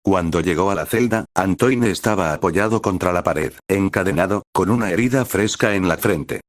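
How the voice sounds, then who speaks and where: A man reading a dramatic story as scripted narration, in a measured manner. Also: low-pitched, dry recording, clean studio sound.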